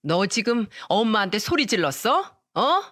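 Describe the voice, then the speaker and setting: A woman doing a shrill, greedy mother-in-law. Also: very animated, a bit bright, dry recording, clean studio sound. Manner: shrill, demanding, drawn-out.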